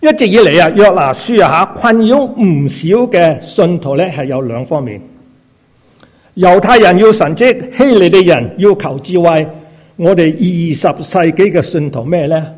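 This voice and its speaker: Man, preacher, sermon, slightly high-pitched, rhetorical questions, frequent interjections. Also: animated, normal speed, a little mellow. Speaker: preacher and doctor.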